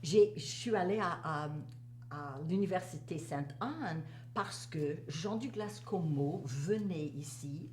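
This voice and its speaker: Recalling her years as a teacher, an older Cajun French-accented interviewee chats in a lowish, darkish voice that is animated yet slow. She repeats phrases to stress them and slips in the occasional English word, while an echoey room adds faint hum and noise.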